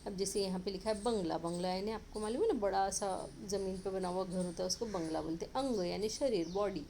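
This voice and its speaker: A woman teacher, patiently explaining a lesson to children and slowly sounding out syllables. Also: mid-range voice, mellow, slight background noise.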